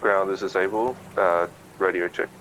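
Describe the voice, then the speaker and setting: A man's voice: sits low, fairly even intonation, normal speed. A man giving clipped military radio replies as a squad player, heard over a helmet radio transmission. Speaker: squad player in a war game. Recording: noisy clicking radio line.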